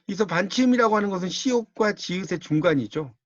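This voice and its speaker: A man's voice: sits high, expressive, quick pace, no echo, lo-fi sound. A man with a Gyeongsang accent giving a university-style lecture on Korean linguistics, explaining patiently and repeating key words.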